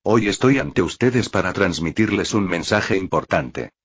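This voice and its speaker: A man's voice: deep voice, animated, unhurried, slightly rough, dry recording, heavily acted. A man voicing a young male ruler who gives a solemn, commanding speech to his people. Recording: dull lo-fi recording.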